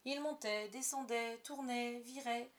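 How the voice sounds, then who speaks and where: A woman narrating a storybook aloud with expressive storytelling. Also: on the high side, unhurried. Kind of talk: audiobook narration.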